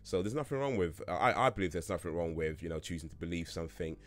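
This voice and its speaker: A deep-voiced man in his late thirties hosts a casual livestream Q&A and talks fast. He rambles through chat questions, often chuckling, with plenty of fillers and restarts.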